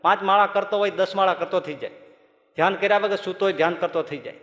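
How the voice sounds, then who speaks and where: A Gujarati-accented man delivers a religious discourse as a monk, spinning homely stories with lively humor. His voice sits a little high for a man. It rings out through a large hall with a long reverb tail. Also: quick pace. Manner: folksy, animated storytelling with laughter. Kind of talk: storytelling sermon.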